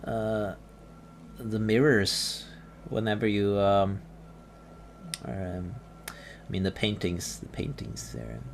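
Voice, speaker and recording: A man's voice: on the low side, slow pace. A man narrating a tabletop game as game master, hesitant with many fillers and restarts. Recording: steady background noise.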